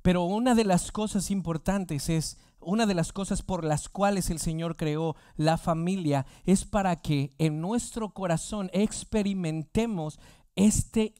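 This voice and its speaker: A man's voice: sits high, slow, mellow, clear, resonant tone, no room sound, studio quality. A man preaching a sermon as pastor, asking the congregation rhetorical questions.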